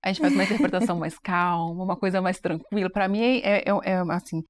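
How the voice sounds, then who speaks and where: A woman presenting on a church program, explaining sign language in a relaxed, quick, animated way. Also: on the low side. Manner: self-described fast-paced, animated explainer. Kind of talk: casual panel chat.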